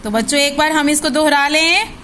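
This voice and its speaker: A woman's high, bright voice leads a lesson for young children. She spells each word out slowly, syllable by syllable, and answers her own questions. A faint hiss runs underneath. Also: low-quality recording. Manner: spells words syllable by syllable, asks questions and answers them herself. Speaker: primary school teacher. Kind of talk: slow, drilled recitation lesson for young children.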